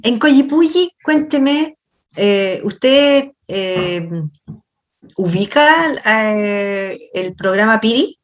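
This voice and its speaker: A middle-aged Chilean woman lectures a university class over a video call, chatting with her students, quizzing them, and explaining in a halting manner. Her voice is a little high and animated.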